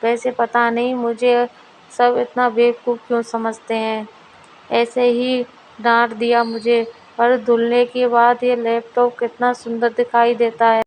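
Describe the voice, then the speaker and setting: Storybook role: a woman as a simple young bride, high voice, flat and slow. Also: a little hiss or hum, natural voice, poor audio. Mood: earnest. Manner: earnest, obedient, takes words literally. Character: naive, literal-minded young daughter-in-law. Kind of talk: storybook dialogue reading.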